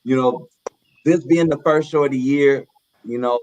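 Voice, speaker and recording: A man's voice: medium pitch, fairly even intonation, moderate pace, darkish tone, a little hiss or hum. A man hosting a casual comedy talk show, easygoing and teasing, full of fillers. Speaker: host.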